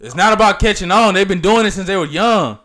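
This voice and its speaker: A man's voice: high-pitched, lively intonation, fast talker, pushed and bright. A young man co-hosting a podcast in casual chat, emphatic and teasing, leaning on catchphrases like "you feel me". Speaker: podcast co-host.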